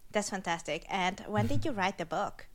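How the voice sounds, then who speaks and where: A woman's voice: mid-range voice, expressive, moderate pace. A woman hosting a podcast interview, introducing her guest and asking questions in an eager, enthusiastic way. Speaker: podcast host.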